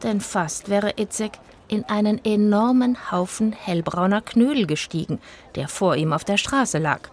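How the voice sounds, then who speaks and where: A woman narrating a children's storybook in a lively way, voicing each character herself. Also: mid-range voice, unhurried.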